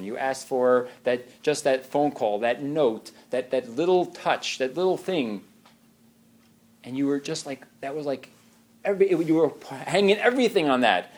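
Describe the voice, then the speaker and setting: A man giving an informal religious talk, animated and given to restarts, acting out the voices he quotes. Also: medium pitch.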